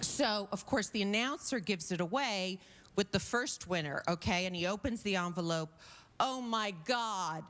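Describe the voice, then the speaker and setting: A woman's voice: mid-range voice, normal speed. A woman doing a stand-up comedy set on a TV studio stage. She talks in a chatty way, with lots of "um"s and "okay?" tags. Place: TV studio stage before a live audience. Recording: loud noise over the voice.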